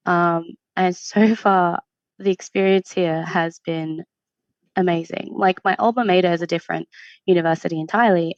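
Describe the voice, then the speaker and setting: A woman's voice: on the low side, no room sound. A woman from Syria working in university student support, answering interview questions in a friendly, earnest way with frequent ums. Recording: dull lo-fi stream audio.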